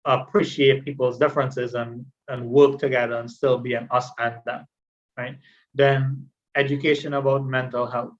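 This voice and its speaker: A male guest speaker from Trinidad gives an educational mental health presentation woven with personal anecdotes, his pitch fairly even. He talks conversationally and explains things by posing questions and then answering them, and the lo-fi recording sounds slightly muffled.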